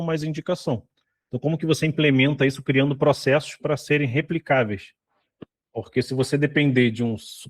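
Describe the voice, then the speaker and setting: A man giving a conversational lecture at a hospitality conference, often adding tag questions. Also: medium pitch.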